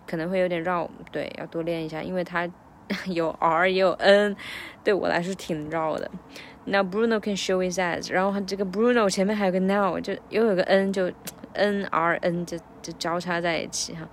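Soft-spoken woman, thoughtful. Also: on the low side, steady tone, a little hiss or hum. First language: Chinese. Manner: reflective, breaks lyrics into slow drills. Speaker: English teacher practicing song lyrics. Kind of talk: casual self-recorded practice vlog.

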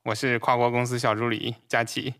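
A man chatting casually as a co-host, playful and quick to interject. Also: medium pitch, level tone, sharp tone. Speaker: podcast co-host. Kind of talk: casual bantering chat.

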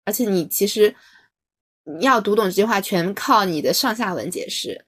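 A woman's voice: medium pitch, lively intonation, moderate pace, a bit bright, husky. Woman co-host, casual chat, searching for words as she goes. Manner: thinking aloud, hesitant, many fillers and restarts. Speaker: podcast co-host. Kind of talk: casual book-club chat.

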